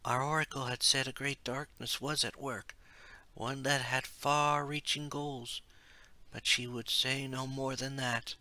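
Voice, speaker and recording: A man's voice: level tone, measured pace, sharp tone, no room sound. A man voicing a young winged woman, earnest and brave, in a storybook reading. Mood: reverent. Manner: raised pitch, urgent when alarmed.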